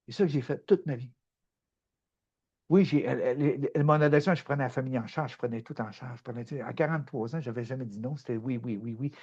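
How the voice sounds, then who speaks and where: A middle-aged man with a Québécois French accent giving a spontaneous spiritual talk, animated and emphatic, often repeating himself. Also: medium pitch, muffled recording. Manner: animated, repetitive, swings between loud emphatic and soft. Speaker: spiritual speaker.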